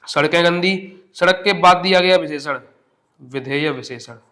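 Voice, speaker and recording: A man's voice: fairly high pitch, moderate pace, a bit bright. A man teaching an exam-prep grammar lesson step by step, asking questions and answering them himself.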